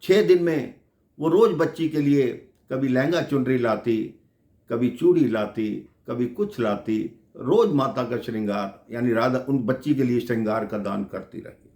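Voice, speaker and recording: A man's voice: medium pitch, measured pace, darkish tone. A man telling a devotional story, addressing listeners affectionately as brothers and sisters. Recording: echoey room.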